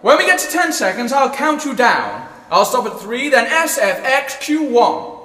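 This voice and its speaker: An actor playing a stage manager calling out cues and a countdown in a clipped manner. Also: male voice, extremely high pitch, big pitch swings, moderate pace, pushed and bright, far from the mic, full character voice. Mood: brisk. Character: brisk backstage stage manager. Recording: echoey hall.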